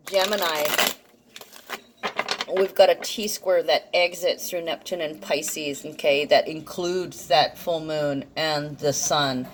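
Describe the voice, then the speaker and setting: Low-voiced woman with slightly impaired articulation. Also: noisy background. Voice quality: slightly impaired, funny-sounding articulation from a dental problem. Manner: hesitant, thinking aloud, self-correcting. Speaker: tarot and astrology card reader. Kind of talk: casual, rambling card reading with astrology commentary.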